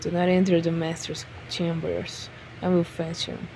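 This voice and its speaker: A woman reading as a stern, quiet male butler. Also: on the low side, completely flat delivery, measured pace, slight background noise, natural voice, low-quality recording.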